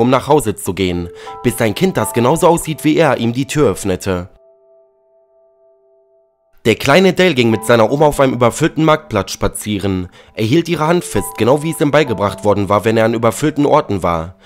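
A man narrating a dramatic story in a lively reading tone. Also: mid-range voice. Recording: faint background music.

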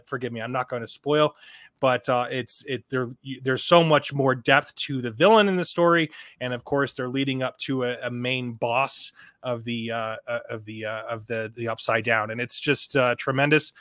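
This middle-aged host reads articles aloud on a livestream and riffs on them casually and emphatically, rambling and repeating his phrases often. The sound is studio quality and echo-free, his voice mid-range and fairly bright.

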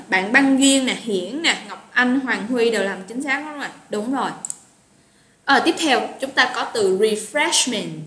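A woman's voice: on the high side, fairly bright tone. A woman with a Southern Vietnamese accent teaching a live online English vocabulary class, chatty and encouraging as she calls out students' names. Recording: roomy echo with faint noise.

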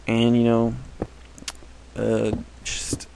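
Gravelly-voiced man rambling over gameplay. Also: mid-range voice, monotone, very slow, a little mellow, slight background noise, low-quality recording. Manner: rambling, self-correcting. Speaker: gameplay commentator. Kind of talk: casual gameplay commentary.

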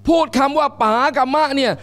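A man giving a lively, joking Quran commentary lecture in a mosque, acting out mothers and babies as he talks. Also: very high-pitched, brisk. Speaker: Islamic lecturer. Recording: reverberant mosque hall.

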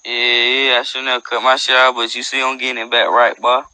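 Talking fast in a flat, forceful way, this young adult livestream host has a bright, mid-range voice. He banters casually and freestyles in loose street slang, bragging from a dim room at night. His phone's earbud headset mic gives a low-quality recording with no echo.

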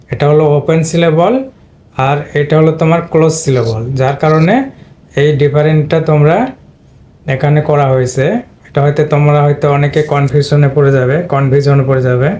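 Higher-voiced man teaching pronunciation. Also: darkish tone. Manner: patient, repetitive, addresses students informally. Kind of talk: explaining lesson at a board.

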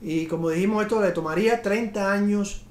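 A middle-aged man with a high-pitched voice talks through money tips as a live video host. He rambles, restarts his sentences and pushes an eager sales pitch. The room around him sounds echoey. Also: a little fast, darkish tone. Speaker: realtor and show host. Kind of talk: live video talk on home finance. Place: studio in front of a slide screen.

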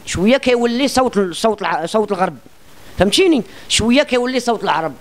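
A man with a Moroccan accent talks about himself in a boastful, rambling way. His voice sits very high for a man, and he speaks quickly, cutting off words and starting them again. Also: slight background noise. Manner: boastful and rambling, with frequent restarts. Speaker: self-described singer being interviewed. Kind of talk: casual interview talk.

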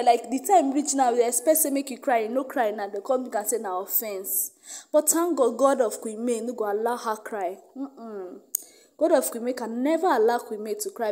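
High, mellow-voiced Nigerian woman commenting on gossip. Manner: emphatic, repetitive, mixing Nigerian Pidgin.

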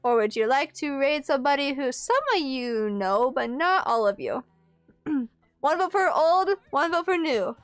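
A woman's voice: sits high, expressive, unhurried, no echo, soft background music. A young woman live streamer chatting casually with viewers in a playful, giggly, exclamatory way, close on the mic. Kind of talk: casual livestream chat with viewers. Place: small room at home, indoors.

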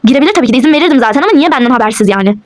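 A cold, defiant young wife, as a woman puts her on in a toy role-play. She speaks fast in a high voice, with curt, dismissive retorts. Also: lively intonation.

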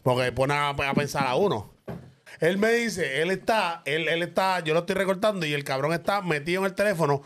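A man with a slightly high voice tells an animated, joking story. He sounds like a co-host in casual podcast banter. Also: brisk, slight background noise.

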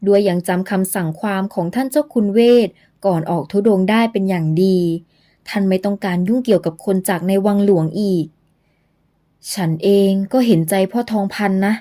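A woman narrating an audio novel in a slow, measured storytelling manner. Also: mid-range voice, warm tone.

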